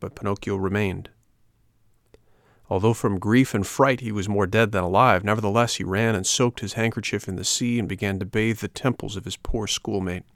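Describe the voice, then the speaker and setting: A man narrating a classic storybook in a measured, expressive reading. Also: fairly low pitch, no room sound, clean studio sound.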